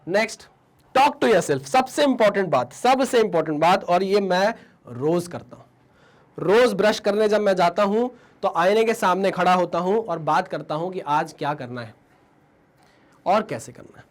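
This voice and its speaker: A man's voice: sits high, animated, normal speed. A man teaching exam preparation in a conversational, motivational way. He often adds tag questions and acts out inner voices. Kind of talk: motivational study advice.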